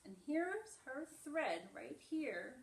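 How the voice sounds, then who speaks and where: This preschool teacher's voice sits high, with big pitch swings, slow pacing and some vocal fry, as she reads aloud and explains simply for little children. There's slight background noise, a distant microphone and an echoey room.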